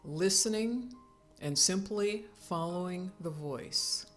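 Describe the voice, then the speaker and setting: Soft background music accompanies a woman with a lowish voice as she leads a yoga nidra session. Her instructions are gentle, calming and unhurried, broken by pauses.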